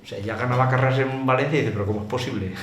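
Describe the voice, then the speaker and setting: Here the same kind of speaker, an older ex-racer from Spain, is racing through his words in a mid-range voice. He's a chatty interview guest swapping casual stories, colloquial and full of exclamations, recorded with roomy echo and obvious background noise.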